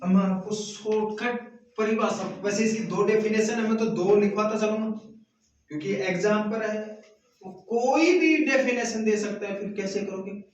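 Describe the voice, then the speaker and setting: A male teacher giving a slow classroom lecture, repeating questions to his students and answering them himself. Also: sits high, steady tone. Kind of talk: classroom lecture on Hindi grammar. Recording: distant, echoey, muffled room recording.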